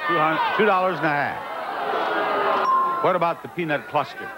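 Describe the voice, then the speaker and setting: A man hosting a game show, giving instructions and repeating answers in a clear-cut way. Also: on the high side, unhurried, a loud crowd, heavy background noise. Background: studio audience and music.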